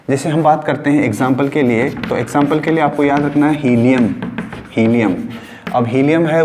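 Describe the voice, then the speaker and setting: Writing on a board as he lectures, an Indian science teacher blends Hindi and English, repeats key terms, and asks himself questions he then answers. He speaks on the high side in a somewhat mellow voice, and there is a little hiss or hum.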